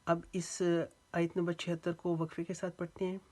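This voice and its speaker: A woman teaching Quran recitation rules, slowly drawing out recited phrases and then explaining each rule patiently. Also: fairly low pitch, level tone, darkish tone. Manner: breaks words into syllables and draws out recited phrases slowly. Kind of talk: tajweed lesson with slow recitation.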